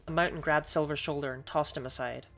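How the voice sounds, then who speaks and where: A woman's voice: low-pitched, fairly even intonation, fast talker, gravelly, soft background music. A woman streamer reading scripted story narration aloud during a game playthrough.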